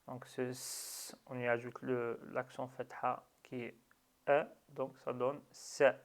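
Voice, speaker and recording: Slow, patient man teaching. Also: mid-range voice. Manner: calm, patient, drills syllables with long drawn-out sounds. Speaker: Arabic reading teacher. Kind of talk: slow step-by-step lesson.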